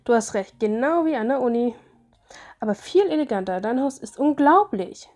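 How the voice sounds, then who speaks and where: Woman reading as a calm young heroine. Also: on the high side, normal speed, faint music behind, lightly acted. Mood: pleased.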